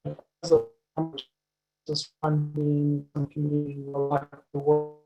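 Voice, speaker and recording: A man speaking in a webinar over a video call whose audio keeps breaking up, halting with frequent pauses. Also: on the high side, monotone, highs cut off, over music. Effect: choppy breaking-up online call audio. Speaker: industry panelist. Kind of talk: webinar panel answer.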